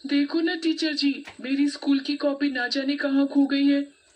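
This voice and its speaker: A woman's voice: high voice, steady tone, measured pace, slight background noise, voice pushed up, rough recording. A woman voicing a jealous schoolgirl cousin who talks spitefully in a cartoon story. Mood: fake distress. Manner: spiteful muttering.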